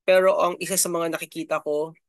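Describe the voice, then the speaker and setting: A man's voice: fairly high pitch, flat delivery, quick pace, no echo, studio quality. A middle-aged man from the Philippines hosting a channel in casual commentary, chatty and full of fillers and tag questions. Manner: chatty, filler-heavy, frequent "no?" and "di ba?". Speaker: YouTube channel host.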